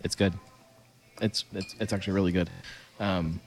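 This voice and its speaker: A man's voice: low-pitched, level tone, moderate pace, faint music behind. A man hosting a podcast in casual chat. He rambles with lots of fillers and laughs easily. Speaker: podcast host.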